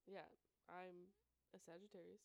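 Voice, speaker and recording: A young woman in her early twenties, an EMT co-hosting a casual podcast, laid-back and quick with short agreeing replies. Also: fairly low pitch, flat delivery, creaky, darkish tone, no echo. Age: young adult. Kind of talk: casual chat.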